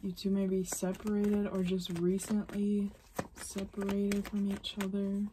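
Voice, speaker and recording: A woman giving a pick-a-card tarot reading. She is soft-spoken, musing and unhurried, and often slips into a whisper. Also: mid-range voice, completely flat delivery, noisy background. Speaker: tarot reader.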